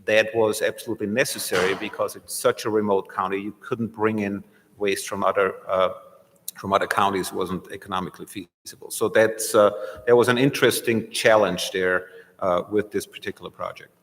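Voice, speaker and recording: Lowish-voiced man in an echoey hall. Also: steady tone, brisk, a bit bright. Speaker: panelist from a project developer. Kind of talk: explanatory panel talk. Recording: echoey hall with long reverb.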